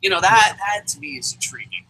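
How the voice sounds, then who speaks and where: On a casual, profane wrestling review podcast, a host living in Japan rambles and stammers through restarts. He speaks fairly quickly in a high-pitched, pushed, bright voice. The recording is rough, with slight background noise.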